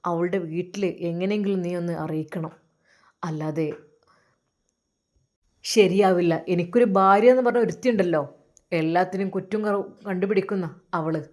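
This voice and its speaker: Woman doing a pushy boss guy, low and coaxing, insists on getting his way. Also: normal speed, long pauses, darkish tone, lightly acted. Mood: insistent. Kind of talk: storytelling voice acting.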